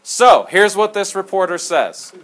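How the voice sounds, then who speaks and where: Animated, jokey male teacher in a classroom. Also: high-pitched, a little slow. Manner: animated, jokey, dramatic storyteller. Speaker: history teacher. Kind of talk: classroom lecture.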